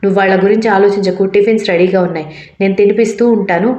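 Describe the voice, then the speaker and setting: A woman's voice: mid-range voice, steady tone, very fast, a little mellow, echoey room, natural voice. A woman voicing a playful, bold young woman who is cheeky and bossy in a story reading. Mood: caring.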